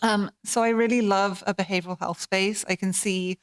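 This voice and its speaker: A soft-spoken woman doctor starting her remarks on a conference panel, friendly in tone. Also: mid-range voice, fairly even intonation, moderate pace, clean tone. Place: conference room.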